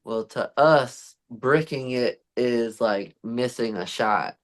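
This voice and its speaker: A man's voice: mid-range voice, slow pace. A man talking as a podcast guest in casual chat. He thinks aloud and often restarts his sentences. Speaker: guest, tour DJ.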